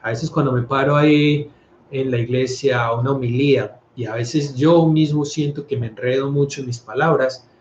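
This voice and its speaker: Speaking at a normal speed in a steady, medium-pitched, slightly mellow voice, a Colombian priest gives a casual scripture talk. He stumbles and restarts words as he goes. The recording is roomy and echoey, a bit dull and muffled, with slight background noise.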